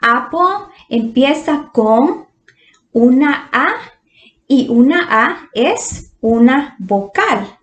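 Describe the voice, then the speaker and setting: A woman teaching English grammar to Spanish speakers, patient and drawn-out, asking her students quiz questions. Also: sits high, expressive, highs cut off. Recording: echoey room.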